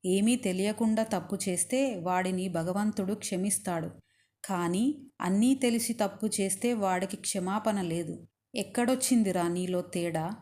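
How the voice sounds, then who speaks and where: A woman's voice: mid-range voice, moderate pace, warm tone, close to an everyday voice. A woman reading a stern, righteous captive queen. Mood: stern reproach. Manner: scolding, lecturing.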